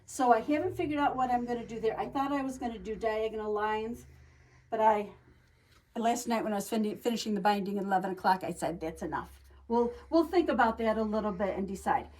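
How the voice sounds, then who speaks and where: A woman giving a casual show-and-tell tutorial on her quilting projects, chatty, talking fast and a lot with frequent restarts. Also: a little high, a little mellow. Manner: chatty, talks fast and a lot, self-interrupting. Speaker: quilt shop co-owner showing projects.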